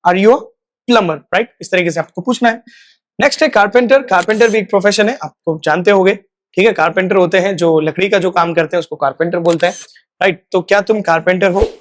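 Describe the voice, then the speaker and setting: A man teaching a spoken English lesson. He repeats each example phrase, stretches it out slowly, and checks in often with "right?". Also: high-pitched. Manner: slow, drawn-out model phrases; repeats words for practice.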